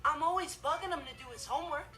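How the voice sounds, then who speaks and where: Earnest, awkward teenage Josh. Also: male voice, very high-pitched, fast talker, sharp tone, faint music behind, full character voice. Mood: exasperated, put-upon. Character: earnest, awkward, put-upon goofy teenage boy. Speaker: sitcom character. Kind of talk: scripted comedic monologue to audience.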